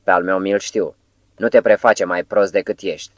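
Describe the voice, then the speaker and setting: Audiobook: male reader as a cold, ailing Roman governor, faint voice, low and dry. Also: fairly even intonation, no echo, close to an everyday voice. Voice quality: faint, weary voice. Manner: curt, cold questioning. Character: stern sick middle-aged male Roman governor. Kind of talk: audiobook character reading.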